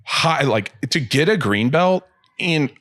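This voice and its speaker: A man hosting a podcast in casual chat, rambling with many fillers and quick laughs. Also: a little high, expressive, fairly bright tone, dry recording, studio quality. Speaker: podcast host.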